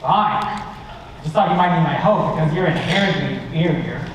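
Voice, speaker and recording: An actor playing a cocky, teasing storyteller in a comic stage play, with a flippant, smug manner. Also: male voice, fairly high pitch, a little fast, lightly acted. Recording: echoey noisy hall, far from microphone.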